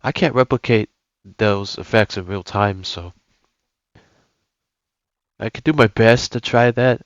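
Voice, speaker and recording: A young man talks through a music game in a loose, rambling way and often stops to correct himself. His voice sits a little low. The recording is dry and slightly dull. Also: unhurried, dry recording. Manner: rambling, self-correcting, enthusiastic. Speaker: gaming YouTuber. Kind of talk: casual gameplay commentary.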